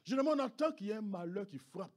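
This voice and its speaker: High-pitched, expressive and rapid-fire, a man preaches in church as pastor, repeating phrases emphatically. Again and again he turns to the congregation with "vous comprenez?" to ask if they understand.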